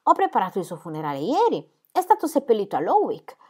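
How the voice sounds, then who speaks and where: A woman's voice: mid-range voice, huge pitch swings, fast talker, husky, voice pushed up. A woman voicing a gossipy male draper who eagerly passes on news. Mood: newsy.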